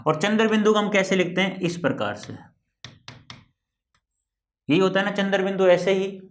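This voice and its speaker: A man with a high voice gives a classroom-style spelling lesson. He repeats phrases slowly and drags out key words. He keeps calling his students "beta". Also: lively intonation. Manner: repetitive, drawn-out explaining, addressing students as "beta". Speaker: teacher.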